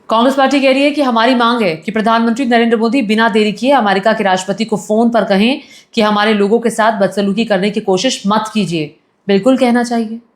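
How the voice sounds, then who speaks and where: A woman news commentator delivering opinion commentary, indignant and firing rhetorical questions at the audience. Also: a little high.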